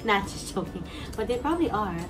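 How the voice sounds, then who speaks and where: A young woman chats with a friend on a casual vlog, giggly and teasing. Her voice sits at an ordinary pitch for a woman. Music plays clearly behind her. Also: big pitch swings, brisk. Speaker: vlogger's friend. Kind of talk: casual chat.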